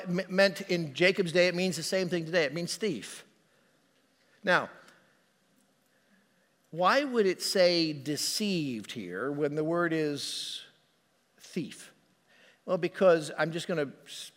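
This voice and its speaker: A man's voice: on the high side, a bit bright, long reverb tail. A male pastor preaching a sermon in a conversational, storytelling manner.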